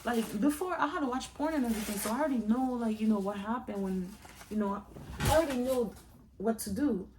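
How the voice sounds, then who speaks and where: A woman's voice: a little high, a little fast, background noise. A young woman vlogger chatting candidly to viewers in a casual storytime confession, calling them y'all.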